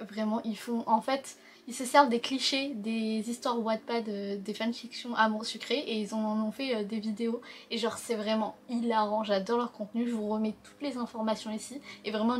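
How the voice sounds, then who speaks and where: Young woman doing gaming commentary, slangy and chatty, lots of fillers, slightly high voice. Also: slight background noise. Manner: reads the game characters' lines aloud. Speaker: let's-play host.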